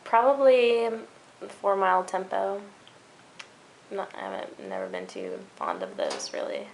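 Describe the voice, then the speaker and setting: A 22-year-old woman, a college runner, answering interview questions in a relaxed, modest way. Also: lowish voice, a little slow, vocal fry. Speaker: college cross-country runner.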